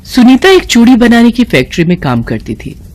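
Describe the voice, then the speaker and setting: A woman reads a moral story aloud as scripted storybook narration. Her voice rises and falls a great deal, and she brings an expressive touch to every line. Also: a little high, brisk.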